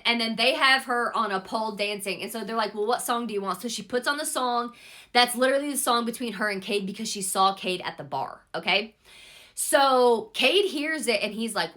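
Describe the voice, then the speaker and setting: A woman with a fairly high, sharp voice gives a casual, rambling book recap. She swears freely and fills gaps with "like" and "blah, blah, blah."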